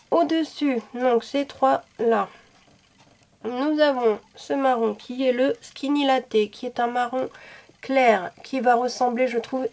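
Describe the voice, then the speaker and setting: A woman's voice: a little high, darkish tone. A woman reviewing makeup in a chatty, self-deprecating way, a little sick and coughing now and then. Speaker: beauty vlogger.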